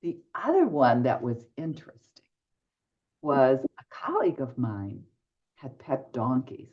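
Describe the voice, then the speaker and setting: An older woman, a medium, tells stories during a podcast interview and performs both speakers in each dialogue. Her very deep voice swings hugely in pitch at a measured pace. The recording comes across dull and lo-fi.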